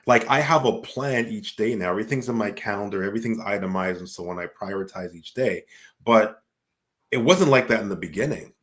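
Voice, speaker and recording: Man, low voice, reflective, conversational, fills with like. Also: a little fast. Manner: reflective, repeats "like" often. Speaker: host and entrepreneur. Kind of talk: casual conversational talk.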